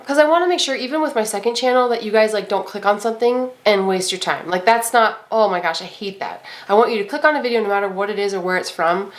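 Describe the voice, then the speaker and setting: A woman, possibly in her thirties, chatting casually to camera with a congested, nasal voice from a cold, rambling with lots of fillers. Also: mid-range voice. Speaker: vlogger and eBay reseller.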